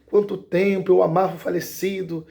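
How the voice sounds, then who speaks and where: A man's voice: high-pitched, flat delivery, normal speed, gravelly, dark tone. A man voicing a grieving widow who keeps mourning her late husband, with a sentimental tone. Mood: mournful.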